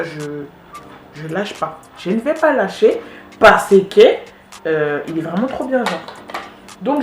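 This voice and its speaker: A woman's voice: mid-range voice, roomy sound, slight background noise. A woman vlogger chatting casually with lots of fillers while she does her makeup. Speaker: beauty vlogger. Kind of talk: casual get-ready-with-me makeup narration.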